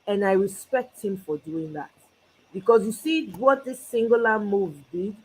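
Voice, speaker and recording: Gravelly and darkish in tone, this a little high female voice is unhurried with lively intonation, over slight background noise and poor audio. She is a Nigerian woman abroad hosting a solo political commentary channel, impassioned and switching between English and Pidgin.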